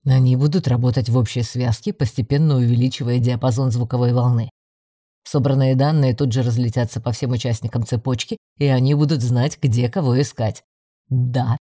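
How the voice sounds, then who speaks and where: A calm young male mage, read by a man explains a spell with patient, gentle teasing. The voice is mellow and dark, at an ordinary pitch, recorded dry and close for an audiobook. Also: fairly quick, no echo, natural voice. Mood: patient explaining. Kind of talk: audiobook dialogue reading.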